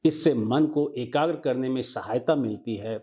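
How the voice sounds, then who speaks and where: A man's voice: mid-range voice, mellow. Man narrating a formal script. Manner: formal, measured, reading a prepared text.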